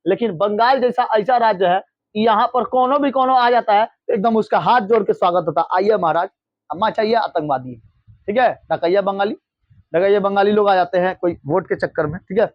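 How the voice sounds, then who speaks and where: High-voiced man drilling a class. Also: brisk, no room sound, lo-fi sound. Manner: repetitive, drilling questions, mimics regional speech. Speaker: teacher. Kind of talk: classroom lecture with call-and-response.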